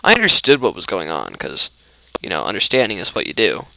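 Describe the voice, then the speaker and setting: Excitable young man commentating a game. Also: low voice, brisk, creaky. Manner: excitable, laughing, rambling. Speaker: gaming YouTuber. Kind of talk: casual gameplay commentary.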